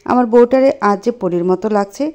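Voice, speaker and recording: A man's voice: high voice, moderate pace, a little mellow, natural voice. A woman voicing a playful, teasing young husband in a spoken storybook. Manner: teasing, affectionate.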